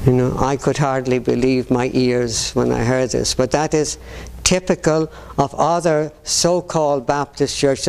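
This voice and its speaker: A man preaching a sermon in a slow, deliberate way, often pausing and restarting his phrases. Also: mid-range voice, clear, resonant tone.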